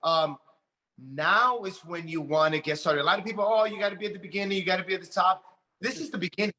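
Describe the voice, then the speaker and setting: High, bright-voiced energetic man. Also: fast talker. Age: 40s. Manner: energetic, repeats words while building up. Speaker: network marketing leader. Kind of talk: casual motivational talk.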